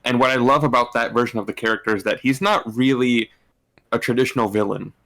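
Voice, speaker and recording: A man with a medium-pitched voice talks casually as a podcast co-host. He gushes like a devoted fan, relating stories in loose slang with some swearing. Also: fairly even intonation, fast talker, a bit bright. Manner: gushing, admiring fan talk; anecdotal, loose slangy profanity. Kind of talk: casual chat about comics and games.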